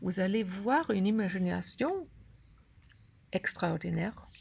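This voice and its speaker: German lady doing an app walkthrough in broken french, stumbles for words, bit gravelly. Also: mid-range voice, animated, darkish tone. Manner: broken, halting French with grammar slips and word searching. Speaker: course creator and app instructor. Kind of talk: unscripted tutorial walkthrough.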